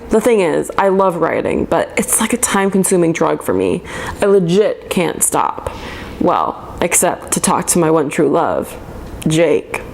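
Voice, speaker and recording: With slight background noise behind her, a vlogger in her 20s shares entries from the journal she kept as a teenager, her voice lowish. She keeps it chatty and relaxed while cringing and teasing herself along the way.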